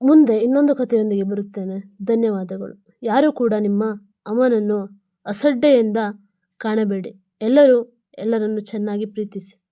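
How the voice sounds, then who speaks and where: High-voiced woman telling an emotional story. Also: normal speed, long pauses, warm tone. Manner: earnest, emotional, speaks directly to listeners. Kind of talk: scripted story narration.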